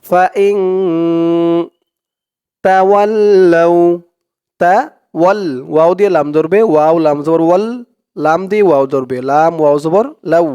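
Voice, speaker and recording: A man with a high, smooth, resonant voice leads a slow recitation lesson. He splits each word into syllables, spells out the letters and draws the verses out in a chant for his viewers to repeat. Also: mellow, no room sound, highs cut off. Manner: breaks words into syllables and chants verses slowly. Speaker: Quran reading teacher.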